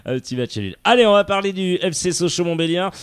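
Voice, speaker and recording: A man's voice: high-pitched, animated, fast talker, smooth, no room sound. A male radio host leading a live sports talk show in a studio, playful and exclamatory, with lots of fillers.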